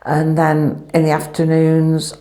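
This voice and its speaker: A woman's voice: low voice, monotone, slow pace, dark tone. A woman, rambling chattily in a casual family vlog, her voice echoing in an empty room at home through a clip-on microphone. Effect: echoey empty room. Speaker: family vlogger.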